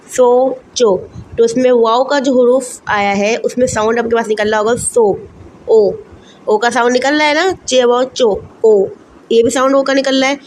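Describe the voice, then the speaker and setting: A woman teacher with an Urdu-speaking Pakistani accent leads a recorded lesson for first graders, in a somewhat high voice. She sounds out each letter slowly and then says the whole word. A faint hiss of noise runs behind her. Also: a little mellow. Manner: spells words slowly letter by letter, then reads them whole.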